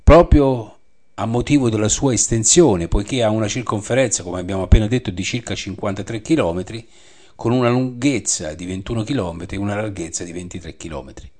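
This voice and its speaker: A man teaching a Bible study, reading scripture aloud and explaining it in a measured way that repeats the references. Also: on the low side, a little mellow.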